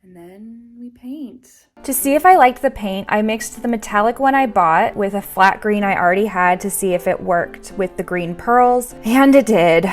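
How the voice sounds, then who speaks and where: Chatty self-mocking woman crafter. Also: medium pitch. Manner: chatty, self-deprecating, jokey asides. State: groggy, just woken up, talking softly. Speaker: crafting vlogger. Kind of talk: casual crafting vlog with voice-over.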